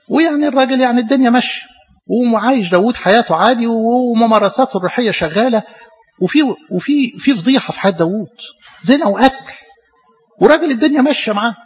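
A man with an Egyptian Arabic accent delivers a sermon at a brisk clip, in a high, slightly husky voice. He presses his points with rhetorical questions and repeated phrases. The recording sounds dull and lo-fi. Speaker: preacher.

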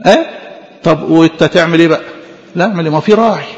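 A fast-talking Egyptian man delivers a fervent sermon, his fairly high voice climbing into emphatic bursts. He calls the congregation his dear ones. A long reverb rings around him in a church hall. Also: dull audio. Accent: Egyptian Arabic. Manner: fervent, rising to emphatic outbursts; addresses listeners as dear ones. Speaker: preacher.

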